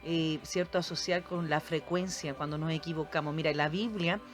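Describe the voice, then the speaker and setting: Low-voiced woman teaching scripture. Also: steady tone, normal speed, faint music behind. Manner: earnest, reads scripture aloud, frequent "amen" and "right?". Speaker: podcast co-host.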